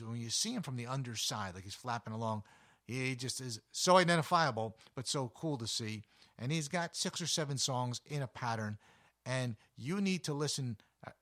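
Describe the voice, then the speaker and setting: A man with a deep voice, hosting a nature show and chatting enthusiastically with frequent fillers. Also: fairly bright tone. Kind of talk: casual talk about backyard birds.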